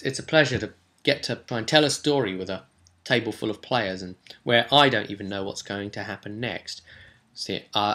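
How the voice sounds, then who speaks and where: A man with a fairly low-pitched voice recaps his tabletop role-playing session casually from the game master's seat, full of animated asides and rhetorical questions.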